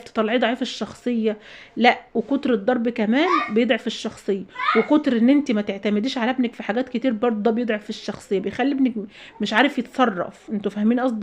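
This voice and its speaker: A woman in her thirties with an Egyptian Arabic accent, a mother chatting to her viewers, venting and giving advice. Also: fairly high pitch. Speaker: vlogger, mother. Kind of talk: casual storytelling to viewers.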